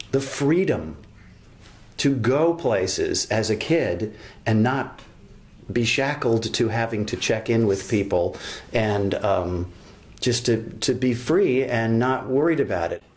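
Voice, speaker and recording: Nostalgic man in his sixties. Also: mid-range voice. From Los Angeles. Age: 60s. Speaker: interviewee. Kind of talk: reminiscing documentary interview.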